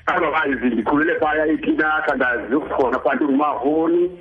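This cancer survivor, a man in his sixties with a Xhosa accent from the Eastern Cape of South Africa, shares his story in an interview, frequently making sure the listener is keeping up. His voice sits on the high side and moves briskly, captured in narrow, tinny audio.

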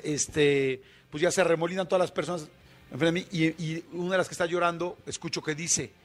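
A man with a Mexican Spanish accent, hosting a radio show and telling a vivid anecdote in a chatty, casual way. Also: fairly high pitch. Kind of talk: casual on-air storytelling.

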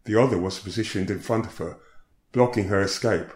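A man hosting a podcast, reading a reflective personal story in a measured way. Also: on the low side, a little mellow. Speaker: podcast host. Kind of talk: scripted personal narration. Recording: echoey room.

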